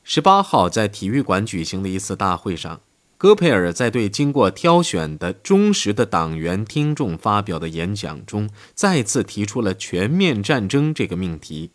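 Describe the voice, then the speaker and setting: A man narrates a history audiobook in a low voice. His reading is steady and scripted, and his pitch rises and falls widely, climbing higher on quoted lines. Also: normal speed.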